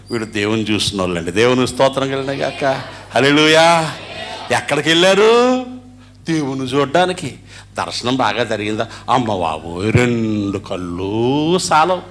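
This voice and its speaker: A male pastor with a Telugu accent, preaching a Sunday sermon in call-and-response style, swinging from loud to hushed. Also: mid-range voice, slight background noise. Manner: call-and-response preaching, asks the congregation to answer; sings hymn lines slowly mid-sermon.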